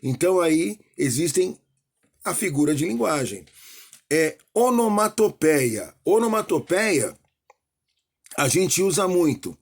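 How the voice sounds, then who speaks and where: Male teacher, slightly high voice, explanatory recorded-lesson delivery. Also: sing-song, takes it slowly. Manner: explanatory, checks in with "ok?".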